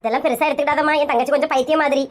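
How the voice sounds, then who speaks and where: A woman's voice: high-pitched, steady tone, rapid-fire, a little hiss or hum. A woman with a Kanyakumari Tamil accent, acting a bossy, scolding elder sister in a comedy sketch. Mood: chatty.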